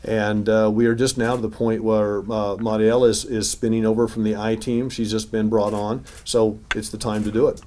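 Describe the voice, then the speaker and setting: Relaxed, low-voiced man at a press conference. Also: moderate pace, few pauses. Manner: relaxed, informal, with restarts and fillers. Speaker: city mayor at a press conference. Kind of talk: press conference remarks and answers. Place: city hall news conference room.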